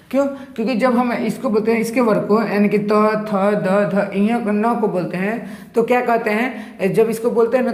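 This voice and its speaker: A man's voice: high-pitched, a little mellow. A male teacher giving a grammar lesson, asking his own questions and answering them with repeated terms. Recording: roomy echo.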